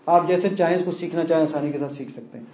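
A high-voiced man walks an audience through an app demonstration, explaining each step and turning to the room as he goes. His voice rings around an echoey hall. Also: steady tone, dark tone. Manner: explanatory, addresses audience directly. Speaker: app founder giving a demonstration. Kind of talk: live presentation to an audience.

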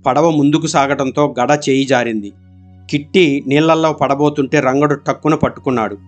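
A man narrating a storybook audiobook in a steady, expressive storytelling manner. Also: medium pitch, normal speed, faint music behind.

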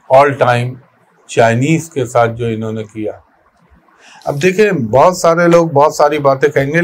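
Emphatic man. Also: medium pitch. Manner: emphatic, reflective, many pauses and restarts. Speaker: astrologer giving weekly forecast. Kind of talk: spoken weekly forecast monologue.

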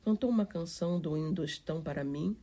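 A woman's voice: fairly low pitch, fairly quick, dark tone, lightly acted. A woman voicing a sickly, imperious young boy who gives orders in a storybook reading. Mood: commanding. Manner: bossy, insistent.

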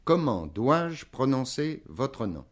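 A man from France hosting a radio interview, formal and measured, opening with a prepared introduction before questioning his guest. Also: mid-range voice, very animated.

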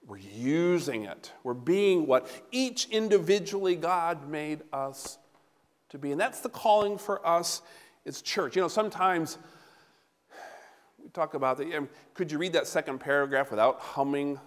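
A middle-aged man preaching a sermon as pastor, animated and moving about before the altar, recorded from a distance in a large church sanctuary. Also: a little high, unhurried, clean tone. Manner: animated, gesturing, walking about while preaching. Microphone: no handheld mic, recorded from a far camera. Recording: long church reverb.

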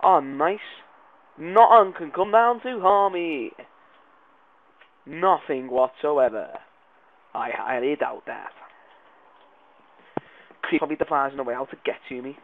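A man's voice: on the high side, unhurried, long pauses. Jumpy man, tinny lo-fi mic. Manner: jumpy and excitable, swears and yells when startled. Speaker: gaming video creator. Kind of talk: let's play commentary.

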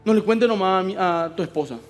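A man with a Paraguayan Spanish accent, a pastor preaching a sermon with animated storytelling and acted-out voices. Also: high-pitched, fast, long reverb tail, soft background music.

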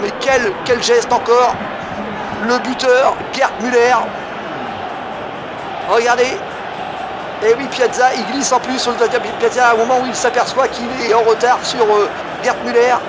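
A man giving excited sports commentary on a football match, exclaiming dramatically and repeating phrases for emphasis. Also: very high voice, moderate pace, music in the background. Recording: loud stadium crowd noise behind. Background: cheering crowd and stadium ambience.

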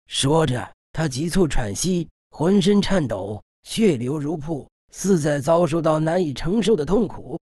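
A man narrating a fantasy audiobook in a steady, dramatic storytelling manner, recorded in a studio. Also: fairly high pitch, measured pace, few pauses, breathy edge, no room sound.

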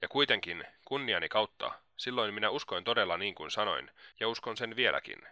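A man reading the lines of an easygoing, cheerful young gentleman in an audiobook, in a lively, good-humoured way. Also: lowish voice, no room sound, studio quality, heavily acted. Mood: protesting.

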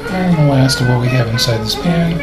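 A man giving a relaxed, step-by-step cooking lesson over his video, explaining each move in a home kitchen. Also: medium pitch, brisk, reverberant, loud music behind the voice, rough recording. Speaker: cooking instructor.

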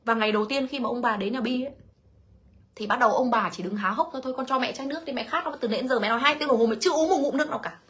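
A woman's voice: a little high, racing, fairly bright tone. A woman hosting a casual livestream, telling her own story bluntly and animatedly while speaking straight to her viewers.

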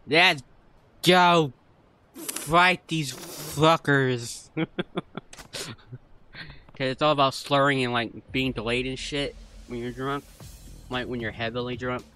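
A man's voice: mid-range voice, steady tone, unhurried, long pauses, pushed and bright, faint music behind. A man streaming a video game, giving laid-back, joking commentary and swearing freely. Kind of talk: gameplay commentary.

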